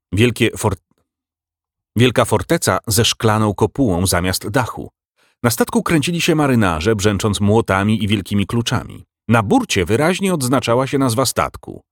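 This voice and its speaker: A man reading a fantasy audiobook with expressive storytelling. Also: lowish voice, dry recording, clean studio sound. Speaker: audiobook narrator. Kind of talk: scripted narration.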